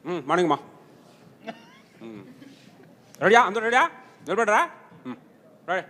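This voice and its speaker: A man's voice: sits high, big pitch swings, moderate pace, sharp tone, in a large hall, heavily acted. A man putting on an impatient male film director who barks orders and scolds the crew on set. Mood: bossy shouting.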